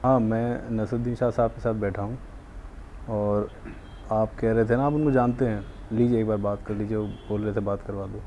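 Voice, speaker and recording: Host interviewer, mellow dark tone, calm questions, faint hiss. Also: male voice, on the low side, moderate pace. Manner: calm, brief prompts.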